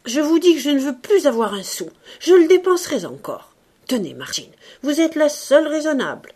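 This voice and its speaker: A woman's voice: high-pitched, very animated, normal speed, mellow, voice pushed up. Doting, remorseful older man in a storybook, as a female reader puts him on. Urgent and pleading, raised voice. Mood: insistent. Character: aging man, doting and self-reproaching.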